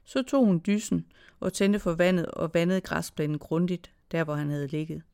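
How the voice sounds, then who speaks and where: A reader giving a slow, measured literary reading of dated diary entries and a short story, in short phrases with pauses. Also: mid-range voice, vocal fry, a little mellow, clear, resonant tone, no echo, studio quality. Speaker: reader of own prose.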